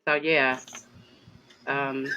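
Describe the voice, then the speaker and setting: A woman's voice: extremely low pitch, level tone, drawn-out words, noisy background. A middle-aged or older woman from California chatting casually on a live stream in a rambling, talkative way. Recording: dull lo-fi stream audio.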